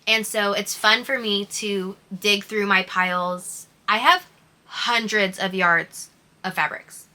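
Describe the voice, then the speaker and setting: A woman's voice: mid-range voice, steady tone, slow pace, bright, forceful tone. An American woman chatting casually and gushingly as a sewing vlogger, with a speech impediment that turns her R sounds toward w. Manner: gushing, informal, emphatic.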